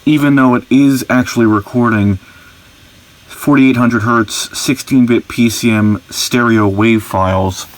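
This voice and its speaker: A man's voice: medium pitch, steady tone, a little slow. A man reviewing a voice recorder, walking through its technical specs in a detailed, mildly exasperated way. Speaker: gadget reviewer. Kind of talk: product review with audio tests.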